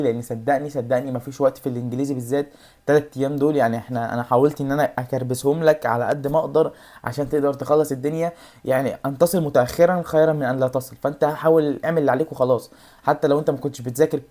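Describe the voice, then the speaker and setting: A woman with an Egyptian Arabic accent talks at a breakneck pace in a casual advice vlog. Her voice sits low and mellow. She speaks straight to the viewer and keeps reassuring them. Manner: rapid, addresses the viewer directly, repeats reassurances. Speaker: YouTuber giving exam study tips.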